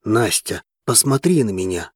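A man's voice: lively intonation, moderate pace, slightly rough, dry recording, clean studio sound. A man doing a desperate, devoted alien husband. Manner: low, strained, desperate. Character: frantic male alien husband, fierce and devoted.

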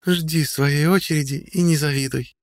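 Guy doing a snippy young woman, high put-on voice, dry close sound, teasing drawl. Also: steady tone, normal speed, dry recording, natural voice. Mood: languid. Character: sharp-tongued young woman, grumbling then languid.

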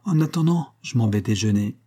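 A man's voice: lowish voice, animated, a little fast, dark tone. A man voicing a cheeky young coachman. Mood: coaxing, cheeky. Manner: coaxing and easy-going.

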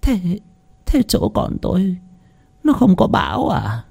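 A man voicing a frail, half-deaf very old woman who speaks softly and hesitantly. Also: high-pitched, huge pitch swings, slow pace, creaky, breathy edge, pitched above the performer's own voice, heavily acted. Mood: frail confused. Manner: soft, hushed, hesitant.

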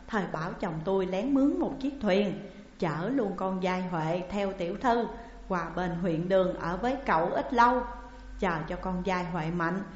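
A woman doing a calm, loyal old nursemaid. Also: medium pitch, natural voice. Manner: steady, reassuring explaining. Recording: dull, echoey recording with long reverb.

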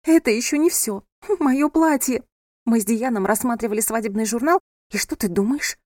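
A woman voicing a panicky, dramatic young bride who wails and complains in a high, loud voice. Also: fairly quick, no echo, clean studio sound, lightly acted. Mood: panicked. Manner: hysterical, wailing.

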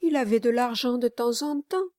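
A woman reading an audiobook aloud, voicing an anxious, kindly older gentleman who questions earnestly. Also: fairly high pitch, normal speed, no echo, clean studio sound, pitched above the performer's own voice, natural voice.

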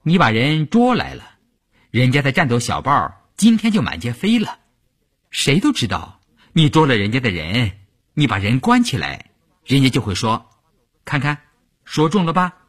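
A male storyteller voicing a cold, ruthless female deputy political commissar who speaks slowly and deliberately. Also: mid-range voice, wildly swooping pitch, husky. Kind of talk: traditional storytelling.

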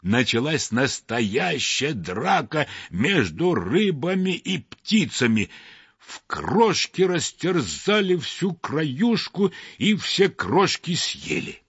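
A man slowly narrating a fairy tale in an expressive storytelling voice. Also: fairly high pitch, husky, no echo. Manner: slow, expressive, wide-ranging. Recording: dull dry lo-fi recording.

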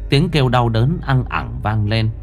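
Giọng nam kể truyện ma đầy kịch tính. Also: male voice, medium pitch, animated, a little slow, faint music behind. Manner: dramatic, vivid. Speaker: storyteller. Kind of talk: ghost story narration.

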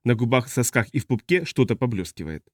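A man's voice: medium pitch, very animated, a little fast, no echo, clean studio sound. Man narrating an audiobook. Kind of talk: scripted narration.

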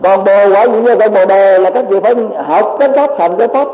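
A man's voice: high voice, brisk. A man, a Buddhist monk, giving a doctrine lecture, asking rhetorical questions and repeating filler words. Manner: addresses listeners as a teacher. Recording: echoey hall, dull lo-fi with faint hiss.

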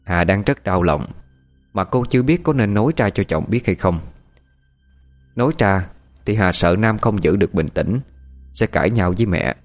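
A man giving steady, scripted narration of a ghost story. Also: deep voice, normal speed, long pauses, faint music behind.

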